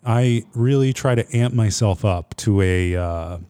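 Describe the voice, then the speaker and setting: A man's voice: fairly low pitch, measured pace, mellow, clear, resonant tone. A young man co-hosting a casual podcast, rambling and laughing often as he acts out quotes. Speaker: podcast co-host. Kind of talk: casual chat.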